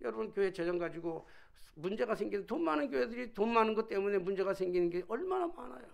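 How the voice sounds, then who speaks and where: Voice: mid-range voice, sing-song, fast talker, gravelly. A senior pastor preaching a sermon in a conversational way, full of rhetorical questions.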